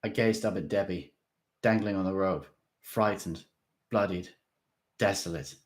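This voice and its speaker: Low-voiced male audiobook reader. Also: a little slow. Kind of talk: first-person fiction narration.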